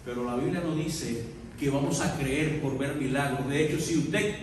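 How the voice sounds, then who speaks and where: A man preaching a Spanish sermon as pastor, swinging from soft murmurs to loud shouted peaks and acting out biblical dialogue. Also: medium pitch, moderate pace, slight background noise. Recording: echoey hall recorded from far off.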